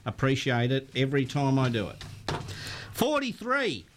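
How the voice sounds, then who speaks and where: A man's voice: mid-range voice, normal speed, noisy background. Cheeky Australian male radio host. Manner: cheeky, joking. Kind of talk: casual live radio banter.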